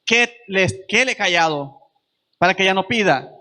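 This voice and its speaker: Man, preacher, earnest sermon, high voice, bright edge. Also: animated, normal speed. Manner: earnest, repeats phrases for emphasis. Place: church service.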